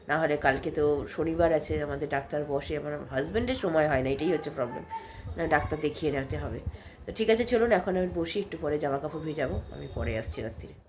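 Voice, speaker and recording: Coughing through a cold, a woman in her thirties chats in a rambling, homey manner as she records her day at home. She speaks quickly in a low, darkish voice, with a little hiss or hum on the recording.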